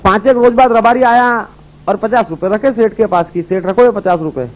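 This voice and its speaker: A man with a high voice gives a spiritual talk, explaining his points through folk stories and rhetorical questions. The sound is dull and lo-fi, like an old recording. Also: moderate pace. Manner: storytelling, rhetorical questions, voices characters in anecdotes. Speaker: spiritual speaker. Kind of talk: spiritual discourse with parables.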